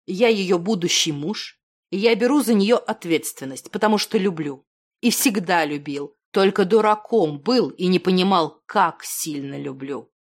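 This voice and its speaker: A resolute young man speaks in a crisp, firm, soldierly way, his voice set well below the reader's own, as a woman narrator puts him on. It sounds like an audiobook read aloud. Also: fairly low pitch, a little slow. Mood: tender. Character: determined young man, a lover proposing firmly.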